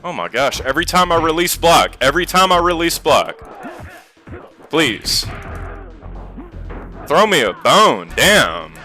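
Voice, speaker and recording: A man commentating his own gameplay, sarcastic and easily frustrated, cursing at the game. His pitch leaps around with a bright, forceful tone. Game music plays faintly underneath. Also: sing-song, measured pace, long pauses. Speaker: gaming YouTuber.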